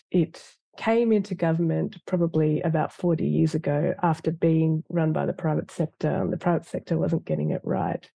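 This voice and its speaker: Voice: mid-range voice, gravelly, mellow, no echo. A government lawyer, a guest in an interview, answering in a reflective and earnest way with frequent fillers.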